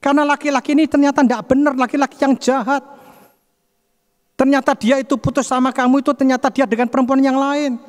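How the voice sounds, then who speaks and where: Male preacher voicing a high, eager churchgoing woman friend passing on news, echoing hall. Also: flat delivery, quick pace. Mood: eager telling. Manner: urgent, revealing. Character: gossipy female church friend. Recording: long hall reverb.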